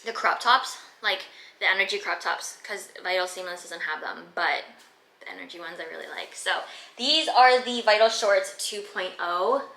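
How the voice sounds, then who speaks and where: A Canadian fitness vlogger, twenty-five, casually fields Q and A questions from her room with many filler words. Her medium pitch sounds pushed and bright at normal speed, in a reverberant, low-quality recording.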